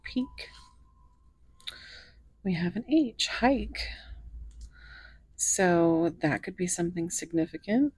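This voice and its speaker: A woman's voice: fairly low pitch, lively intonation, darkish tone, husky, no room sound. A woman giving a casual tarot reading, musing aloud and slipping into whispers as she lays out cards. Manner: slow, musing, drifts into whispers while pulling cards. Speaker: tarot reader.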